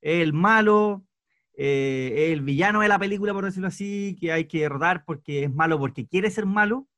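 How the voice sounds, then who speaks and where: High-voiced male host, dry sound. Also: fairly quick, fairly bright tone, no room sound. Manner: hesitant, with repeated restarts. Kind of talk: casual panel discussion.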